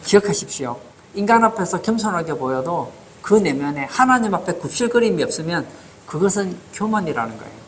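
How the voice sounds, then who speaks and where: A man's voice: sits high, sing-song, brisk, slight background noise. A man preaching a sermon as pastor in a church, asking the congregation rhetorical questions.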